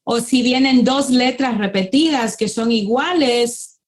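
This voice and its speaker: Woman language teacher, somewhat high voice, patient step-by-step explainer, checks in often. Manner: slows down to sound out words. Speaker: Hebrew teacher. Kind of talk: conversational language lesson.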